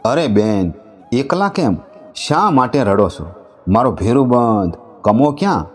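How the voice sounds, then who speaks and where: A man's voice: mid-range voice, very animated, unhurried. A man voicing a loyal, protective village man who reassures his sworn sister in a folk tale. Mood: earnest.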